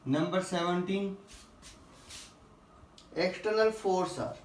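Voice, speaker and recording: High-voiced male physics teacher in echoey room. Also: recorded from a distance, slight background noise. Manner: asks the class questions and answers them himself, calls students "beta"; reads English questions slowly, then explains in Hindi. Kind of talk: classroom lesson, solving quiz questions. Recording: echoey room, voice a little off-mic.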